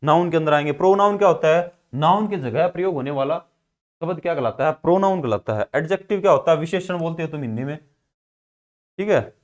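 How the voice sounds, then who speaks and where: A man's voice: on the high side, fast talker. A man with a Haryanvi Hindi accent teaching a school class, asking questions and then answering them himself. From India. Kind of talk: classroom grammar lesson.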